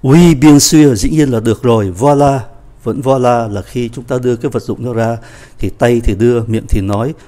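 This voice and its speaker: A man's voice: mid-range voice, fairly even intonation, a little fast, warm tone. A man teaching a French lesson, patiently repeating and explaining each phrase. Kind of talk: language lesson explaining a dialogue.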